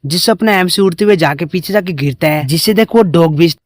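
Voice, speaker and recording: A man telling a comic story in a lively narration, reading out what each character says. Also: on the high side, fast, no room sound, studio quality. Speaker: manhua recap narrator. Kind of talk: scripted story narration with quoted dialogue.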